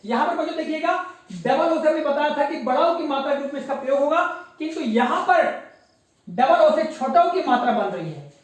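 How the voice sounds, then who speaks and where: High-voiced woman teacher in an echoey classroom. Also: animated, a little fast. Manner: spells words letter by letter, quizzes the class. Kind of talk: classroom spelling lesson. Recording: very echoey room, mic far off.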